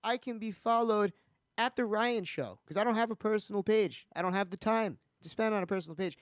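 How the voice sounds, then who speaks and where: A man hosting a casual sports chat on his radio show, with smooth radio-style sign-offs. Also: high voice, brisk, no room sound, clean studio sound.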